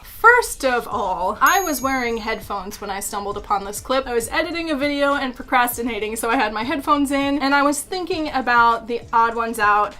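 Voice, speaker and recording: A young woman talks through a topic in a relaxed explainer style, her voice pitched slightly high. She is chatty and self-deprecating and leans on "like" as she goes. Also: moderate pace, a little hiss or hum. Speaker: YouTube creator. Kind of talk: casual explainer talk.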